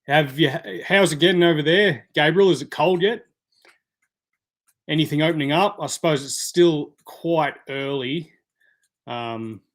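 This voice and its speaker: A man hosting a casual live stream, chatting and answering viewer comments by name. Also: medium pitch. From Australia.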